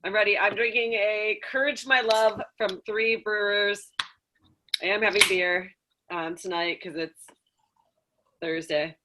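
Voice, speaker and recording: A woman's voice: mid-range voice, steady tone, unhurried, pauses often, heavy background noise. A woman chatting casually as a contestant, jokey and a bit crude. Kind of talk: casual chat.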